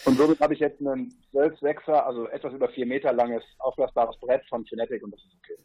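A man's voice: mid-range voice, level tone, quick pace, slightly rough, dull audio. A man as a podcast guest, explaining his trip in a rambling way with asides and fillers. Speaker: guest, paddler on a long river trip. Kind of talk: casual podcast interview.

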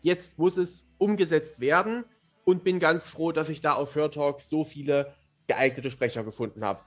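A young fantasy author appears as a podcast guest, telling stories casually in a wordy, articulate, and playful manner. His voice is a little high and his pace moderate.

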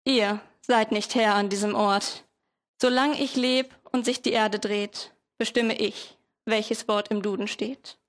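A woman's voice: medium pitch, steady tone, slow, close to an everyday voice. A teen girl voicing a lordly, godlike dictionary. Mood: commanding. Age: teens. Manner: commanding, solemn. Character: lordly male dictionary, godlike ruler of words.

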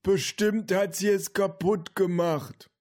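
Ein Mann liest ein Hörbuch und spricht einen alten Opa, der langsam aus einem anderen Zimmer ruft. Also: male voice, high voice, fairly even intonation, slow, darkish tone, faint music behind, voice pushed up. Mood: rufend. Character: alter Opa, ruft aus dem Gästezimmer.

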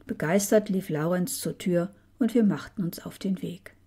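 Soft-spoken woman reading a story. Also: on the low side, normal speed, slightly rough. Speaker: narrator. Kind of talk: storybook narration.

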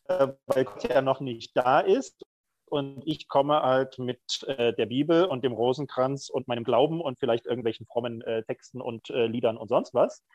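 A middle-aged man reflects candidly on his work as a prison chaplain, pausing often as he thinks. His voice sits at an ordinary pitch. The recording is dry and a little dull and lo-fi. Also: a little mellow, no echo. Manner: thoughtful, candid, with frequent hesitations. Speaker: prison chaplain, podcast guest. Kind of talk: reflective conversational interview.

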